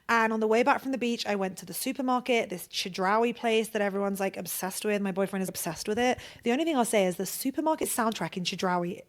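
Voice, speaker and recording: A woman podcast host telling a personal story in a loose, conversational monologue. Her voice sits at an ordinary middle pitch. She talks freely, swears often and fills her sentences with "like.". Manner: chatty, swears freely, heavy use of "like".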